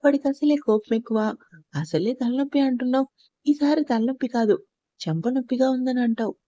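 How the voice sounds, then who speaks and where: A cheerful, teasing young sister-in-law from a storybook reading, as a woman narrator reads her. The voice is mellow and somewhat high, recorded close and dry. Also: expressive, fairly quick, no echo. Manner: playful, reassuring.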